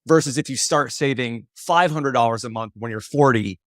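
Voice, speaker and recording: A man hosting a podcast conversation in a thoughtful, measured way. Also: mid-range voice, no room sound, studio quality.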